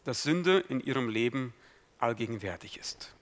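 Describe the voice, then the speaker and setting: A man preaching a sermon, swinging from loud emphatic lines to hushed, slow, near-whispered quotes. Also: medium pitch, expressive. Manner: dramatic swings from loud to hushed, quoting Jesus slowly.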